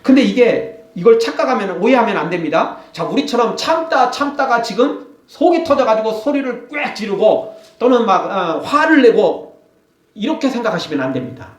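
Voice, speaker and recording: Animated high-voiced male preacher. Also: normal speed, echoey room, distant mic. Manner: animated preaching, acts out scolding quotes. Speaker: pastor. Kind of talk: sermon. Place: church.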